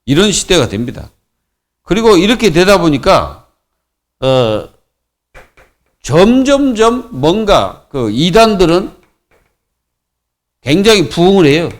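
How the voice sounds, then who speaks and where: A man's voice: high voice, sing-song, slow pace, long pauses. A man preaching a Friday sermon as pastor, in a colloquial, repetitive way with many fillers. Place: church.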